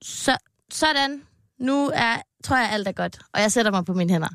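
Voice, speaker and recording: A woman's voice: on the high side, expressive, fairly bright tone, no echo, studio quality. A woman with a North Jutland accent, a podcast guest who talks hesitantly and plays along. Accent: North Jutland Danish. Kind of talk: casual comedy podcast chat.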